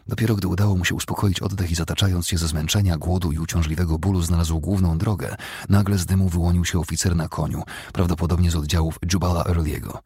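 A man narrating an audiobook with a very deep, gravelly and husky voice, reading in a steady, measured way. The recording is dry and close to the mic. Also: no room sound.

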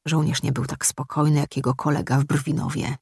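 Audiobook narrator, gravelly and husky, steady measured reading. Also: mid-range voice, no room sound, studio quality. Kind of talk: scripted narration.

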